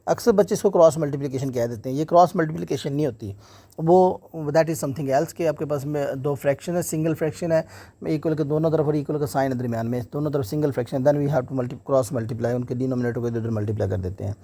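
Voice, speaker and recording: A man's voice: medium pitch, warm tone, no room sound. A man teaching an exam maths lesson step by step, mixing English terms into Hindi and often saying "theek hai ji". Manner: slows right down when dictating English steps.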